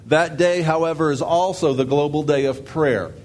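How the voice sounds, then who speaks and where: A man's voice: a little high, normal speed, a little mellow. A man, a pastor, giving announcements and a sermon in a conversational way, thinking aloud with fillers and restarts.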